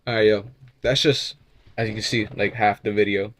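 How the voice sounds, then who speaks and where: A man's voice: fairly low pitch, fairly even intonation, normal speed, a little hiss or hum. Blunt, profane man reacting. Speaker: reaction video host.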